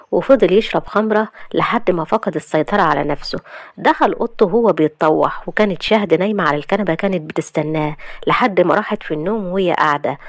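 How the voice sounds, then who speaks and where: A woman's voice: on the low side, dry recording, clean studio sound. Egyptian woman narrating a romance story. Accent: Egyptian Arabic.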